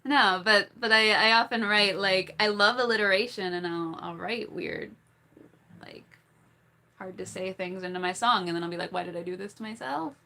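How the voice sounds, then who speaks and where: A woman with a mid-range, steady voice at normal speed, pushed and bright, hosts a casual livestream. She laughs a lot, reads the chat, chats with viewers, tries tongue twisters, and sings.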